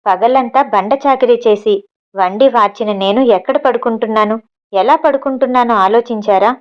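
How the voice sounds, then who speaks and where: A proud young woman cook in a storybook reading, voiced by a woman, answering back bluntly and matter-of-fact. The voice sits fairly high. The recording sounds dull and lo-fi. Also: moderate pace, lightly acted. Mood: defiant. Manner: cutting, matter-of-fact retorts.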